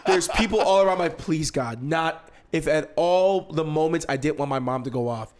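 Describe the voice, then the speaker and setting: A young Nigerian man hosts a podcast, telling a story in relaxed conversation and animatedly acting out quotes amid bursts of laughter. His voice is on the high side, at a moderate pace.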